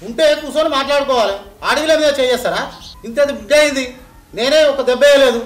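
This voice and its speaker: A man playing a worried village father protective of his daughter, speaking with a Telangana Telugu accent in a loud, agitated, pleading manner. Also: extremely high pitch, quick pace. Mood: anxious. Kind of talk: village family drama acting.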